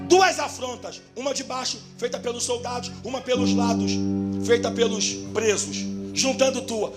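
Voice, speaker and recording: Fervent high-voiced Brazilian preacher. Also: male voice. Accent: Brazilian Portuguese. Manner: shouting, drawn-out fervent preaching. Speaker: guest preacher. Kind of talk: Pentecostal sermon. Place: church. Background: music.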